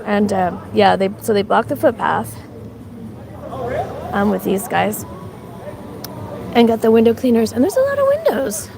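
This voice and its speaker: A Canadian woman with a blend of Canadian and Irish accents chats on a live stream as she walks down a city street, shivering in the cold. Her medium-pitched voice swings widely, runs a little slow and creaky, and leaves long pauses. She thanks viewers between rambling, filler-heavy remarks, recorded outdoors with a crowd around.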